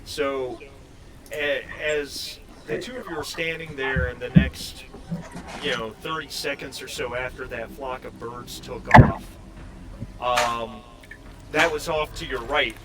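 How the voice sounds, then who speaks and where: A man running a tabletop role-playing game, narrating off the cuff in a conversational, halting way as he searches for words. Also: mid-range voice, fairly even intonation, heavy background noise. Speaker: game master.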